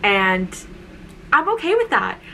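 A woman's voice: mid-range voice, sing-song, slow pace, creaky, sharp tone, a little hiss or hum, poor audio. Gushing young woman vlogger. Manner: gushing, emotional, many "like"s. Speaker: YouTuber. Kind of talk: excited storytime vlog.

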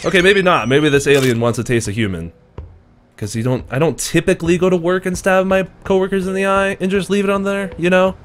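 A young man giving profane, excitable let's-play commentary, self-mocking and jumpy at scares. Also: sits high, fairly quick, a little hiss or hum. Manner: excitable and profane, yelping in sudden alarm. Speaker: gaming video host.

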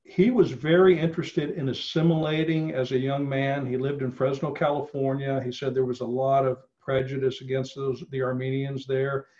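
Over slightly dull video call audio, a middle-aged man presents on genealogy at a normal speed, barely pausing. His medium-pitched voice is level and darkish, and his casual talk is peppered with fillers and restarts.

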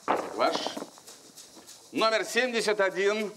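High-pitched male bingo caller. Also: big pitch swings, slow pace, over loud music. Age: middle-aged. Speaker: lottery game show host. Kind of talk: bingo caller announcing drawn numbers. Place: large TV studio with audience. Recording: noisy old TV studio broadcast.

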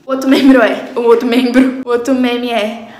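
A teenage girl chatting casually as she reacts to memes, playful and dramatic, jumping into high squeals. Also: flat delivery, moderate pace, darkish tone. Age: teens. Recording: roomy echo.

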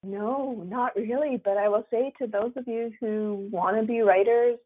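Woman author guest, lively storyteller with leaps in pitch, heard over a tinny phone line. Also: a little slow. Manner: animated storyteller, acts out quotes with big pitch jumps. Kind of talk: casual interview chat.

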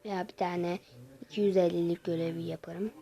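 A young woman giving casual gameplay commentary, talking straight to her viewers with frustrated, excitable outbursts. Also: lowish voice, fairly quick, gravelly, highs cut off, a little hiss or hum.

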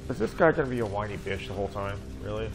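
A man's voice: lowish voice, lively intonation, rapid-fire, noisy background. A man giving casual, sarcastic and crude commentary while playing a video game. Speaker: gamer streamer. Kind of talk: casual let's-play commentary. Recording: voice over game music.

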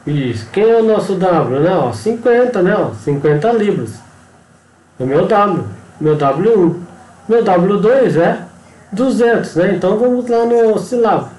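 A man's voice: high-pitched, lively intonation, a little slow, darkish tone, roomy sound, low-quality recording. A man with a Brazilian Portuguese accent, working through a worked engineering problem on screen and checking in often with the listener. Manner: explanatory, frequent tag questions and pointing words. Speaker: engineering instructor. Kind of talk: screen-recorded tutorial walkthrough.

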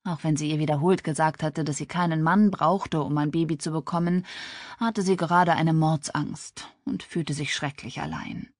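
A woman narrating a romance audiobook in a steady storytelling manner, recorded on a close studio mic. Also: sits low, moderate pace, no echo. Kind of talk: scripted narration.

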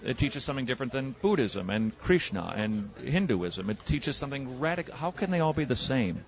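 A man debating religion on the street as an evangelist and radio host, pressing with quick probing questions. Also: mid-range voice, big pitch swings, vocal fry, dull audio. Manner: probing, rapid-fire questioning. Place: outdoors on a city street.

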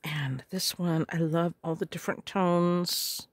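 A middle-aged woman with a slightly hoarse voice gushes over each craft supply she unwraps, often clearing her throat. Her voice sits a little low and she speaks slowly, lingering on her words. The sound is close and dry, with no room echo. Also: steady tone. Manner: gushing, slow and murmuring. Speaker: craft vlogger. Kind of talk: casual unboxing chat.

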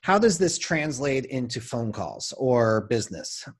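Slightly husky man hosting a video call. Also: mid-range voice, very animated, unhurried. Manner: encouraging, asks plain questions. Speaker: host. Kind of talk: interviewing a guest on a video call.

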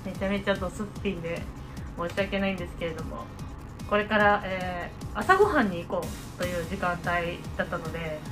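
A woman hosting a casual prank vlog in a giggly, excitable way, recorded on a phone in a small room. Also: fairly low pitch, brisk, over music. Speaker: host.

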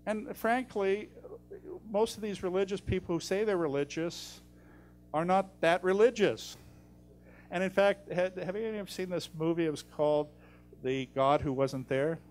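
Blunt, animated man with a handheld mic. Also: high voice, normal speed, slight background noise. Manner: blunt, animated, jokey asides. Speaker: guest speaker. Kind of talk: Q&A answer to an audience. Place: lecture room in a library.

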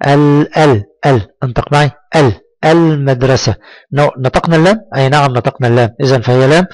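A man's voice: medium pitch, darkish tone, dry recording, poor audio. A man teaching a primary school lesson, stretching out words syllable by syllable and praising his pupils as he drills them. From Egypt.

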